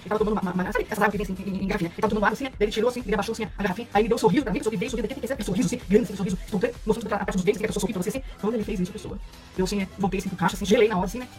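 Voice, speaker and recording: A woman's voice: mid-range voice, racing, a little mellow, soft background music. A woman vlogger telling a comic story, rambling and repetitive, stacking little filler tags between every phrase. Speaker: comedic vlogger.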